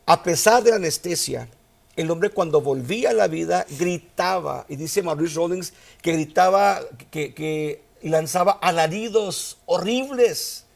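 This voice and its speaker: A man's voice: fairly high pitch, measured pace, vocal fry. A male pastor preaching a sermon, telling a story and rising to emphatic outbursts.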